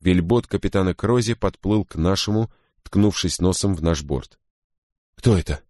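A man reading a first-person story as an audiobook narrator, in a steady, grave way. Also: low voice, normal speed, no echo, studio quality.

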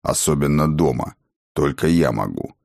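A man voicing a gruff, protective dragon father in a storybook reading, talking in a low grumble. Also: expressive, moderate pace, a little mellow, no echo, studio quality, heavily acted. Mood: grumbling.

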